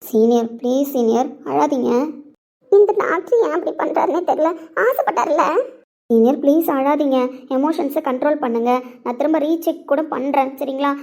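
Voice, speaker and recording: A woman playing a calm reassuring doctor. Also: high-pitched, moderate pace, voice pushed down. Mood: firm calming. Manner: soothing, steady, reassuring. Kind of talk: home video drama acting.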